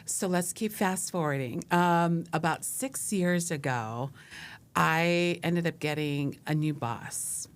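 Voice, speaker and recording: A middle-aged woman from Hawaii, a business consultant talking in a steady, measured way as an interview guest. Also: sits low. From Hawaii, USA. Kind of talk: casual interview chat.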